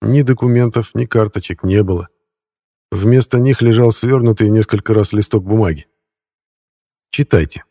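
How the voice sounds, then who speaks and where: A man narrating a novel in a steady, measured way. His voice sits low and sounds mellow. The recording is close and dry, with no room sound. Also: no echo. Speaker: audiobook reader. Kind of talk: scripted narration.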